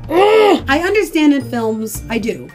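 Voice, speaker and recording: A young woman vlogger delivers an animated reaction rant with a slightly high voice. Her tone stays sarcastic and exasperated throughout. Faint music plays behind her.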